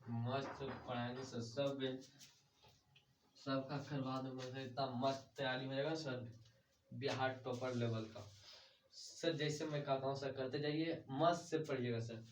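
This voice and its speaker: A man's voice: medium pitch, fairly even intonation, a little slow, slight background noise. A man teaching a grammar lesson, asking questions and answering them himself and calling everyone sir. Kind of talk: grammar lesson with call-and-response drilling. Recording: echoey room, distant muffled mic.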